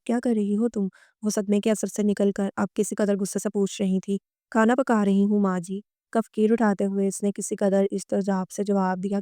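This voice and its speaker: Woman reading a novel out loud, steady, flat, kinda dark voice, dry close mic. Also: medium pitch, no echo. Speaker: novel narrator. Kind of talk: scripted narration of a romance novel.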